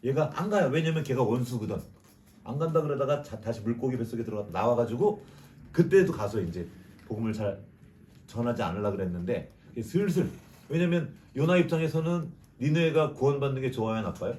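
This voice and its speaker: Korean man preaching in a lively style. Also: medium pitch, fairly quick. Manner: lively, acts out biblical characters' lines in a mocking tone. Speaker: preacher sharing a Bible reflection. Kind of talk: conversational sermon with questions to the congregation. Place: church sanctuary. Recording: distant mic with faint room noise.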